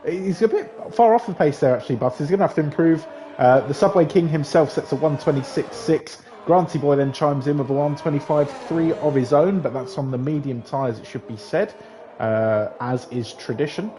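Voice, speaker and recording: A man's voice: fairly high pitch, brisk, mellow, a little hiss or hum. A man with a London accent commentating on a live sim-racing league, chatty and joking with his co-host. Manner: chatty, jokey banter with co-host. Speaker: race commentator.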